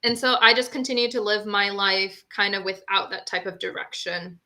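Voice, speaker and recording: A woman's voice: mid-range voice, flat delivery, normal speed, pushed and bright. A young woman from Honduras, a guest on an online talk show, telling her own story in an earnest, candid way with frequent fillers. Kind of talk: personal storytelling in a live-stream talk.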